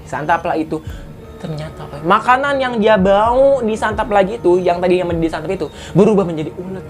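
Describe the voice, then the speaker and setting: A woman's voice: lowish voice, lively intonation, fairly quick, darkish tone, soft background music. Chatty woman reading horror stories. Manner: chatty, exclaims "oi" and "oh my" often, laughs a lot. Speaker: horror story YouTuber. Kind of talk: reading short horror stories with casual commentary.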